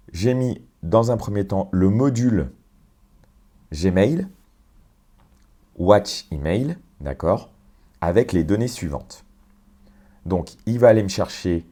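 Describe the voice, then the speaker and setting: A man walking through a software automation on screen, explaining step by step with fillers and self-corrections. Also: sits low. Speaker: tutorial presenter. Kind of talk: screen-share software walkthrough.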